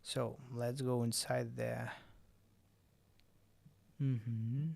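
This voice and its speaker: A man streaming a drone-flying game, chatting casually in halting English. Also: medium pitch, flat delivery, creaky, a little mellow. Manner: halting, self-correcting non-native English.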